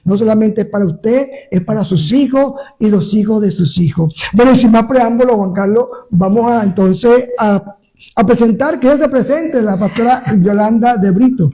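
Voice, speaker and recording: A man with a strikingly high voice and a soft, dark tone leads a live-streamed radio program as pastor and host. He reads scripture with fervent emphasis and speaks warmly to listeners between passages. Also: moderate pace, low-quality recording. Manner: preaching, emphatic scripture reading. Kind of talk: radio interview with sermon reading. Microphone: live stream via phone.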